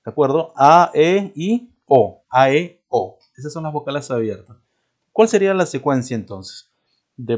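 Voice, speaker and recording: A language teacher with a mid-range, slightly mellow voice walks through a grammar lesson step by step. He poses questions and answers them himself, often adding short tag questions, and points to something he's showing as he speaks.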